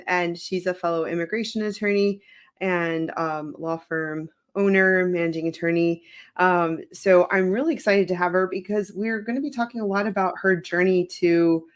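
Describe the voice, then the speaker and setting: A woman's voice: fairly low pitch, clear, resonant tone. A woman hosting a podcast interview, talking enthusiastically and hesitantly with many fillers. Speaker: podcast host, immigration attorney. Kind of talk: casual interview.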